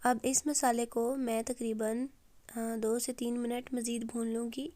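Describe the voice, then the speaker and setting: A cooking channel host with a sore, hoarse throat narrates a recipe voice-over in a fairly high voice. She goes calmly, step by step, pausing often with "uh." The recording is dry.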